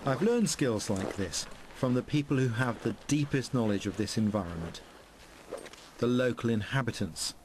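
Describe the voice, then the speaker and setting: Calm male documentary narrator. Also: mid-range voice, moderate pace, a little hiss or hum. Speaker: presenter narrating.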